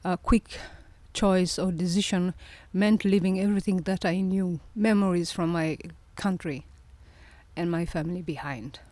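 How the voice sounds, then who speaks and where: A woman in her forties from Somalia speaks as an interview guest, her voice sitting fairly low. She tells her story reflectively, circling back on words and laughing softly now and then. The sound is close and dry, with no room around it. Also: steady tone, a little slow, dry recording. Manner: reflective, with frequent restarts and soft laughs. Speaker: guest, presidential candidate.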